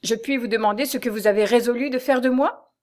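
Une femme qui joue une jeune prisonnière terrifiée. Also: female voice, a little high, fairly even intonation, fast, darkish tone, voice pushed up, lightly acted. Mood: defiant despair. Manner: frightened, pleading, breathless cries. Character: terrified young woman prisoner. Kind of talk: audiobook reading of a serial novel.

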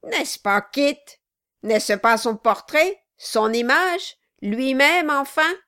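A woman voicing a violent, mocking male dwarf who shouts harsh, taunting questions in an audiobook. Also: fairly high pitch, a little slow, smooth, pitched above the performer's own voice. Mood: menacing.

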